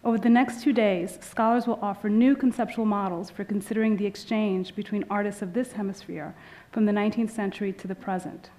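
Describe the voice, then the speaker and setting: A woman museum curator giving formal welcome remarks in an auditorium, speaking from a podium microphone and often pausing on "uh". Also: mid-range voice, steady tone, warm tone. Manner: formal, with frequent filler "uh"s.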